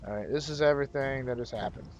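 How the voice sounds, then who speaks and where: A man's voice: medium pitch, fast, darkish tone, a little hiss or hum. A man hosting a casual game tutorial in a loose, slangy way, thinking aloud with restarts and checking questions. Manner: loose, slangy, keeps saying "man" and "bro". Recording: dull lo-fi recording.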